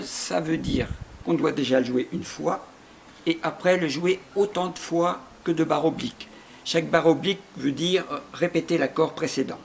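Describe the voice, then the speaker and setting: A man's voice: on the high side, vocal fry, a little hiss or hum. A man teaching a guitar lesson step by step, patiently explaining chords and rhythm and singing short phrases to demonstrate. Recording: guitar playing along.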